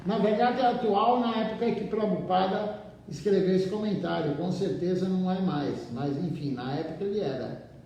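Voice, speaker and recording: A man giving a slow, halting devotional talk in a temple, often repeating words as he reads and comments. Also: high voice, a little mellow. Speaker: temple speaker. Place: temple hall. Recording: very echoey room, far from mic.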